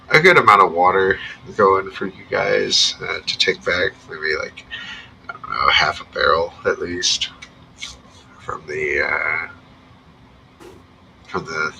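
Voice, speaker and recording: Low, very bright-voiced male game master. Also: measured pace, vocal fry, a little hiss or hum, low-quality recording. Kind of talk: casual tabletop game narration.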